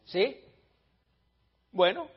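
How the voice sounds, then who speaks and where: A man's voice: high-pitched, very animated, extremely slow, husky. A man preaching a blunt, teasing sermon in a church, calling out his congregation, in a dull lo-fi recording. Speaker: pastor.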